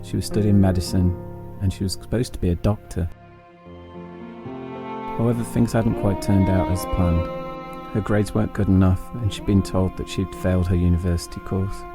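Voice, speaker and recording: Over instrumental music, a low-voiced man from England narrates his own life story as a scripted podcast. His intonation stays fairly even, and he speaks reflectively in short, deliberately phrased lines.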